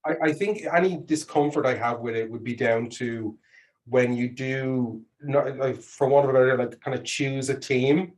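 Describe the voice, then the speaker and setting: A middle-aged man with a Dublin Irish accent, talking casually as an interview guest in an informal, halting way, as if thinking aloud. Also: mid-range voice, steady tone. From Dublin, Ireland.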